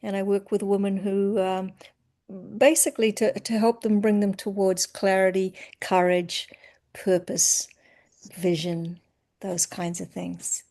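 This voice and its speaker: Relaxed New woman, reflective and soft. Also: medium pitch, a little slow. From New Zealand. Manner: relaxed, reflective, often trailing off softly. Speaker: empowerment coach. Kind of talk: casual interview chat.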